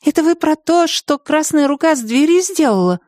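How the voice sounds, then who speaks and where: A woman voicing a bold, perceptive young girl in an audiobook, speaking high and cheerfully. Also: lively intonation, normal speed, a little mellow, no echo, studio quality.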